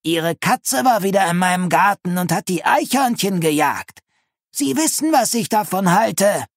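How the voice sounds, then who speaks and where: Narrator doing a nosy old lady neighbor, snide, high and croaky, audiobook. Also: animated, measured pace, dry recording, clean studio sound. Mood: mocking. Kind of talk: audiobook reading.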